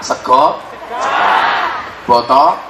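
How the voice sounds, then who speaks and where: Speaking extremely slowly at medium pitch, a Javanese-accented preacher jokes with and teases a live audience during a funny sermon, slipping in Javanese slang. The setting is a large event hall with heavy echo and loud crowd noise.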